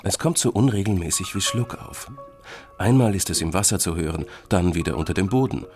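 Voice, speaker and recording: A man narrating a children's audiobook in an expressive storytelling manner. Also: low-pitched, a little fast, over music.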